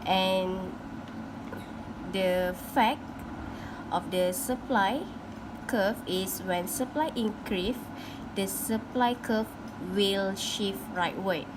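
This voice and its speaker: Slow-talking young woman student presenting. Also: medium pitch. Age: young adult. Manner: halting, with restarts while explaining a graph. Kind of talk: class presentation. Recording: noisy phone recording with hum.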